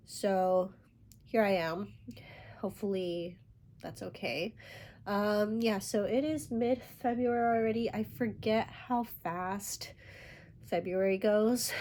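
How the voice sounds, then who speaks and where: A woman's voice: medium pitch, darkish tone. A woman with a stuffed-up, nasal voice from a head cold, chatting casually as host of a knitting vlog, rambling with plenty of fillers. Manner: rambling, lots of fillers and light laughs. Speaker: yarn dyer and podcast host.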